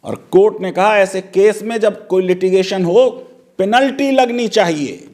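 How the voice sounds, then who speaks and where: A man's voice: sits high, unhurried, a little mellow. A man giving legal commentary and poking fun at a court petition with sarcastic rhetorical questions.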